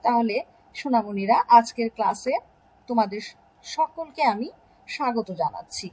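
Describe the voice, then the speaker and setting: A woman from Bangladesh gives an online lesson to young children. Her voice sits a little high and has a husky edge. She talks gently and deliberately, stretching out each sound in her pronunciation drills. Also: low-quality recording. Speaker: Islamic studies teacher.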